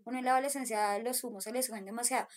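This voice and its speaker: A woman in her thirties with a Colombian accent, casually telling childhood stories with an animated manner. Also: on the high side, very fast. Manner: animated, acts out voices in quotes, laughs often. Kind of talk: casual storytelling chat.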